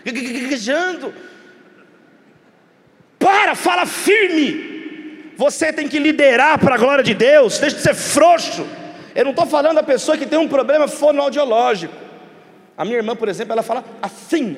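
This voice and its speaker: A man preaching a sermon as pastor, joking and breaking into sudden shouts. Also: very high voice, brisk, in a large hall.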